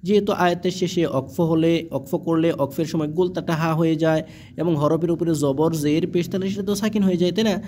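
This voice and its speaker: A man gives a Quran reading lesson, spelling each word patiently and then stretching the recited syllables long. His voice sits a little high but sounds mellow and soft-edged. Between the words he explains the reading rules in a plain teaching tone. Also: fairly even intonation, fast, a little hiss or hum. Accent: Bangladeshi.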